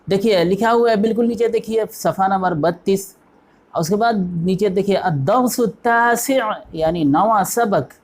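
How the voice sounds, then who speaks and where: Patient male Arabic teacher drilling vocabulary. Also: high voice. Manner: repeats each word and quizzes the listener; patient, step-by-step explaining. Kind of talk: online textbook lesson.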